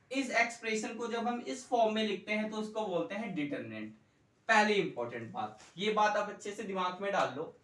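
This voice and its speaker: Slow-explaining male tutor in an echoey room. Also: high-pitched, pushed and bright. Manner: slow, repetitive, quizzes students with questions. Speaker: economics tutor. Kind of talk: whiteboard math lesson. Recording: echoey room, mic far off.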